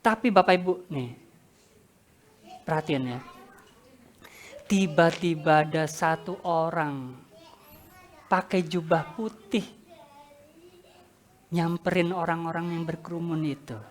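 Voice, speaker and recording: A woman preacher telling a story in a sermon, animated and talking straight to the congregation. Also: low-pitched, slow pace, pauses often. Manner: animated, addresses congregation directly.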